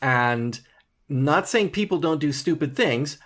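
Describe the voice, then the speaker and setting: A man's voice: on the high side, expressive, takes it slowly, fairly bright tone. A man from the United States co-hosting a podcast, chatting casually and rambling with lots of restarts. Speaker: podcast co-host. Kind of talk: casual chat.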